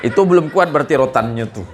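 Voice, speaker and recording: A man's voice: high-pitched, animated, normal speed, a bit bright, slight background noise. A man from Indonesia, preaching a humorous sermon to a village gathering, telling jokes and acting out the voices in his stories. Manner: joking storyteller, acts out dialogue voices.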